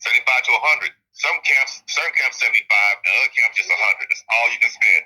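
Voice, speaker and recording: Alabama-accented man, bright, forceful, raspy voice. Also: mid-range voice, expressive, fast, low-quality recording. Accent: Alabama Southern US. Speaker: prison inmate being interviewed. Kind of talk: candid interview answers over the phone.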